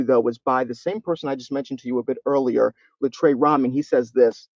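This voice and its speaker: A man's voice: mid-range voice, a little mellow. A man presenting a live weather broadcast, explaining things and addressing viewers directly. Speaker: social media weather presenter. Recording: echoey room, slightly dull sound.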